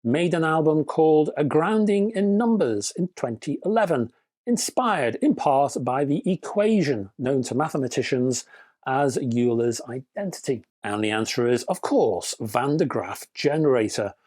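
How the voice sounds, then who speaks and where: This hi-fi news roundup is hosted by a man whose mid-range voice is a little mellow, with lively intonation and a slightly slow delivery. He reads the product specs as scripted, adds dry, wry humor along the way, and closes with chatty sign-offs to the folks watching.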